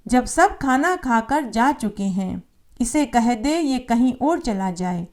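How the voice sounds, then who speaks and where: A woman's voice: fairly high pitch, lively intonation, slow pace, darkish tone. Woman narrator does a cranky, stingy old mother-in-law who scolds sharply. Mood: scolding.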